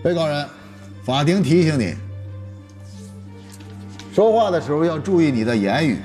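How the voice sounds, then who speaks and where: A man's voice: fairly high pitch, sing-song, warm tone, soft background music. An actor playing a stern male presiding judge, formal and commanding. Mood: authoritative. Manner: formal, commanding, drawn-out court calls.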